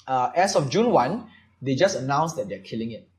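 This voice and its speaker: A man's voice: medium pitch, animated, moderate pace. A man from Malaysia hosting a casual panel chat, explaining at length with many fillers. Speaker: podcast host.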